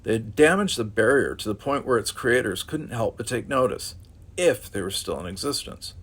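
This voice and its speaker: A man reading a science fiction story aloud as narrator, at a steady, unhurried pace. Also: medium pitch, breathy edge.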